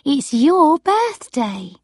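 A woman reading an audiobook, voicing a patient, caring young granddaughter who talks brightly and coaxingly. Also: high-pitched, sing-song, very slow, no echo, voice pushed up, full character voice. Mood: reassuring.

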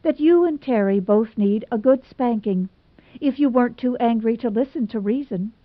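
Woman reading as a wry, level-headed young woman, dry and unfussy, muffled, flat sound. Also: medium pitch, moderate pace, dry recording, lightly acted. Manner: dry, level, wryly humorous.

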